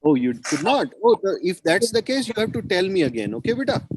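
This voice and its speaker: A man's voice: high voice, big pitch swings, fairly quick, a little hiss or hum, rough recording. A man teaching children over a video call, encouraging them and repeating his praise and questions. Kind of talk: online children's class.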